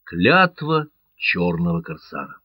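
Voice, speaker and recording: A man reading an adventure audiobook in a measured, dramatic way. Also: low voice, sing-song, dry recording, highs cut off. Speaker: narrator. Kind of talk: audiobook narration.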